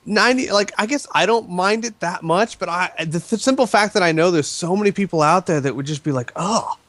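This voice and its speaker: A man's voice: high-pitched, fairly quick, a bit bright, dry recording. A man in casual chat on a podcast, talking with fillers and restarts. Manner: hesitant, many fillers and restarts. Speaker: podcast guest.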